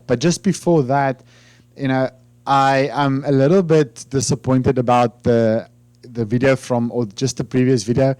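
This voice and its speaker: A South African-accented man with Afrikaans as his first language chats to camera for his finance YouTube channel in a mid-range, darkish voice, with no room sound. He's rambling and hesitant, using many fillers and restarts.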